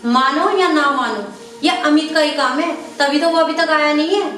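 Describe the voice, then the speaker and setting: An actress playing a young sister-in-law who blames the servant in a rural Hindi film. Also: female voice, sits high, normal speed. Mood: accusing. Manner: accusing, then apologetic. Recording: echoey room, mic far off, loud background music.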